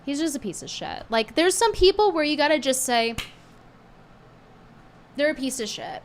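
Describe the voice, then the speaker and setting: Chatting casually on a livestream, a woman streamer talks bluntly and scornfully to viewers, reading tips aloud in a high, very animated voice at normal speed. A cold leaves her voice strained and hard to get out, and there's slight background noise.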